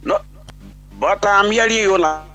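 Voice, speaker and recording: A man's voice: high voice, measured pace, pushed and bright, soft background music. A man from Nigeria calling in to a radio program, speaking politely and formally while his phone connection keeps breaking up. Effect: breaking-up phone line, voice coming and going. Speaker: caller. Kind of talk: radio call-in caller.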